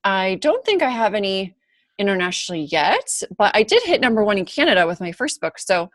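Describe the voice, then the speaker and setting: A woman's voice: medium pitch, big pitch swings, brisk, no room sound. A woman hosting a casual video chat as a book-launch coach, explaining steps and laughing often.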